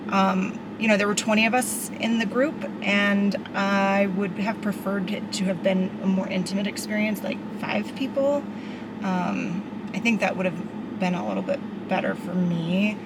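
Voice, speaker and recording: A woman's voice: mid-range voice, heavy background noise. A woman travel vlogger chatting casually and candidly to the camera in an informal way.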